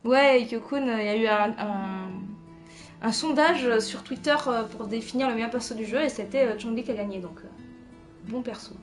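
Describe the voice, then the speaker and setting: Woman streamer, slightly high voice, loose chatty delivery, faint game music behind. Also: moderate pace. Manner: chatty, chuckling, reads chat aloud. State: tired, late at night. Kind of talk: casual live-stream chat.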